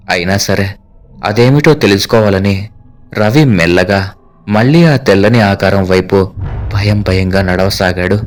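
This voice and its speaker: A man with a low voice narrates a spooky tale. He tells it steadily, building suspense line by line. Faint music plays beneath his voice. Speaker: storyteller. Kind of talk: scripted horror narration.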